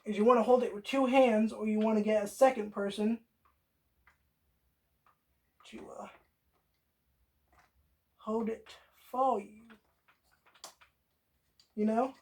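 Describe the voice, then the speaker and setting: A woman's voice: fairly high pitch, fairly even intonation, a little slow, long pauses, warm tone. A woman hosting a casual how-to video, rambling, swearing freely and talking straight to the viewer. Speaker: DIY video host.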